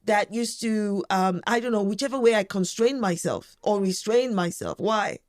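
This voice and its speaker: A forthright woman in her forties speaks as an interview guest with a firm, emphatic delivery. Her voice sits at an ordinary middle pitch. She talks candidly and openly in a relaxed conversation. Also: normal speed. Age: 40s.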